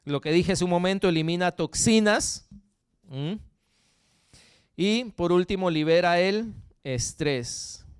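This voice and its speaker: A Peruvian man preaching a sermon as pastor, animated and jokey, often checking in with the congregation. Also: sits high, slow, pauses often, clear, resonant tone, no room sound, studio quality. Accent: Peruvian Spanish. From Peru. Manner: animated, jokey, frequent tag questions to the congregation.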